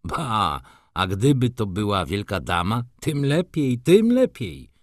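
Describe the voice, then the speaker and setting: A man's voice: lowish voice, big pitch swings, slow, no room sound, clean studio sound. A man voicing a cynical middle-aged doctor who teases his friends in a sardonic, expansive way, in an audiobook. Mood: mocking.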